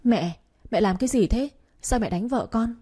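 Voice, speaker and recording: A woman's voice: a little high, normal speed, dark tone, husky, voice pushed up. A woman voicing a protective, hot-tempered young husband who speaks bluntly and commandingly. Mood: angry.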